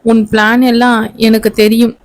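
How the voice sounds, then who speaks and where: A woman's voice: fairly high pitch, little pitch movement, normal speed, close to an everyday voice. A woman voicing a harsh, threatening young husband. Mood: harsh, menacing. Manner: curt, scolding, menacing.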